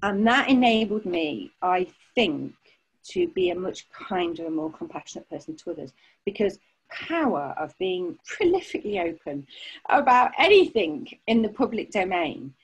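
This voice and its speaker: A woman speaking as a podcast guest, telling her own story in a frank, emphatic and animated way. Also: mid-range voice, normal speed, creaky, husky, poor audio. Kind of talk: candid personal storytelling.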